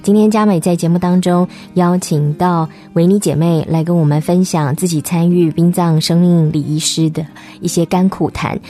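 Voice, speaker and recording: A woman hosting a radio interview show, speaking in a gentle, measured way. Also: on the low side, fairly even intonation, faint music behind. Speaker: radio host. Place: radio studio.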